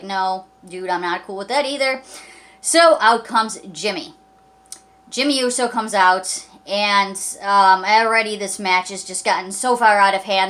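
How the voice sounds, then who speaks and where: A woman in a casual vlog, rambling excitedly through a wrestling recap. Her voice sits at an ordinary middle pitch, and she fills the gaps with lots of ums. Now and then she puts on voices to act out what the wrestlers said. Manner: enthusiastic, rambling with many fillers; acts out quoted lines in a mock voice. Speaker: wrestling show reviewer.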